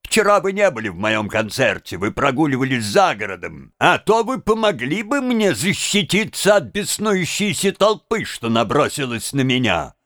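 Excitable proud Italian violinist, a man doing the voice, theatrical outbursts, lively swooping pitch, bright tone. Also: moderate pace, few pauses, no echo, clean studio sound. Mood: indignant. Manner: indignant, boastful, theatrical outbursts. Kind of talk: audiobook character reading.

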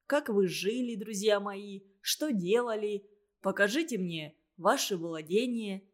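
A woman reading a gentle veteran teacher. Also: mid-range voice, expressive, measured pace, lightly acted. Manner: gentle, warm and encouraging. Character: kind, calm grown man, a war-veteran village teacher. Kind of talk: storybook reading.

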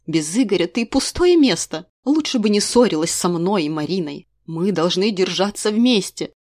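A woman's voice: on the low side, expressive, moderate pace, a little mellow. A woman voicing an overbearing, theatrical grandmother who laments and lectures while reading a story aloud. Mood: reproachful, lecturing.

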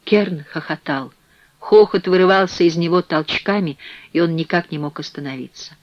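A man reading an audiobook in a measured, expressive narration. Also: a little high, no echo. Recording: dry, slightly dull studio recording.

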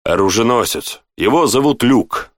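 A man's voice: medium pitch, expressive, normal speed, no room sound, clean studio sound, lightly acted. A man voicing a wry, joking male baron who banters with his friends.

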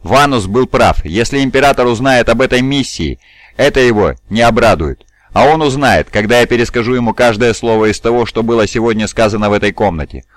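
A huge, stern bodyguard warrior speaks bluntly and firmly, voiced by a male reader. His voice sits at a middle pitch. The recording is dry and close. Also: a little fast, no room sound, close to an everyday voice.

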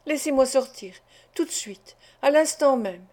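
A woman's voice: high-pitched, animated, a little slow, a little mellow. A woman reading as a desperate pleading young woman. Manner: pleading and insistent.

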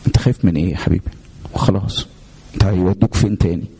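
A man's voice: sits low, very fast, dark tone, slightly rough, long reverb tail, heavily acted. A man with an Egyptian accent voicing a male prison jailer who teases the prisoner in a reassuring tone. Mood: teasing. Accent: Egyptian Arabic. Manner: teasing, reassuring, calls him dear. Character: teasing male prison jailer, gruff but easygoing.

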